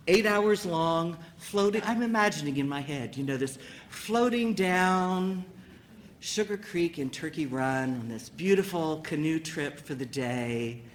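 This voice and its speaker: A woman sharing her personal recovery story at a meeting, an animated storyteller who acts out the people in it. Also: low-pitched, a little hiss or hum.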